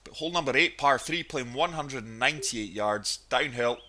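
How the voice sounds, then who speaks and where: A sniffly man with a cold hosts a gaming channel, chatting enthusiastically as he commentates golf gameplay. His mid-range voice has a sharp tone and moves at a normal speed.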